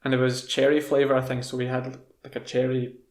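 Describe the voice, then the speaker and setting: A young man with a Scottish accent, telling relaxed, rambling stories in casual style for English learners. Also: mid-range voice, a little fast, reverberant. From Scotland. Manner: relaxed, rambling, with fillers and restarts. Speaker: language video host.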